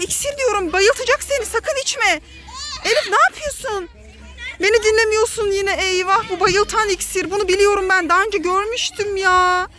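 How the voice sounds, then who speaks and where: Turkish mom doing a kids pretend-play vlog, super high voice, all dramatic warnings. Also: female voice. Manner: excited, dramatic warnings to a child. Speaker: mother filming her children.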